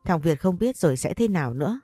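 A woman's voice: lowish voice, lively intonation, quick pace, warm tone, no room sound, faint music behind. A woman voicing an anxious, fretful older mother in a read-aloud story.

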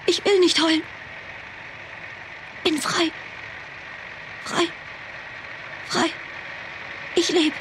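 Fleeing hostage woman, very high voice, breathless broken thoughts, radio drama, faint engine hum. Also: little pitch movement, extremely slow, pauses often, heavily acted. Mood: dazed relief. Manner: breathless fragmented inner monologue. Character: young woman hostage fleeing a hijacked plane, frantic. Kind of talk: radio drama inner monologue.

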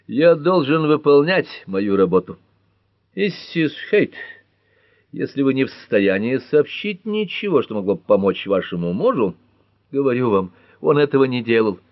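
A man's voice: medium pitch, very animated, moderate pace, no echo, dull audio, pitched above the performer's own voice, lightly acted. A man reading an audiobook, voicing a stubborn middle-aged police chief in a firm, insistent way.

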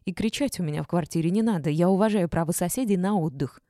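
Woman reading a defiant young woman clerk, curt, brisk, mellow voice, dry close sound. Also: lowish voice, dry recording, close to an everyday voice. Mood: cool.

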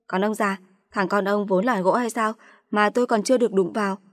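A woman voicing a brash, abusive young daughter-in-law who sneers and shouts insults. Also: mid-range voice, fairly even intonation, fast talker, dry recording, studio quality, close to an everyday voice. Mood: sneering.

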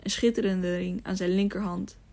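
A woman's voice: mid-range voice, fairly even intonation, moderate pace, dark tone, close to an everyday voice. A woman reading as a surly robber chief. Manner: surly, grumbling.

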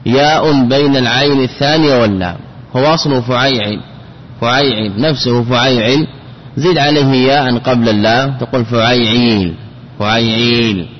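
A man's voice: mid-range voice, fairly quick. A man teaching a classical Arabic grammar lesson, repeating words and spelling out patterns syllable by syllable. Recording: dull lo-fi recording with long reverb and faint noise.

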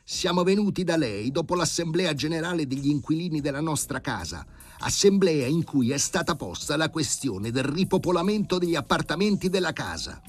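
A prickly young committee leader speaks in a raised, tense voice, put on by a man reading an audiobook. His fury stays just under the surface in every clipped phrase. The delivery swings lively and a bit husky. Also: fairly high pitch, a little fast, pitched above the performer's own voice. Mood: indignant, hostile. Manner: tight, bristling, barely held fury. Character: indignant young male committee leader, hostile zealot.

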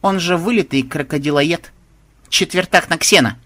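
A man's voice: a little high, moderate pace, bright, forceful tone. A man voicing a sarcastic, teasing young woman game tester. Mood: mocking. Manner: teasing, mocking.

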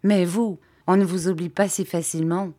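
A woman reading the lines of an eager, emotional young man in an audiobook, in an excited, gushing way. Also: fairly low pitch, moderate pace, natural voice.

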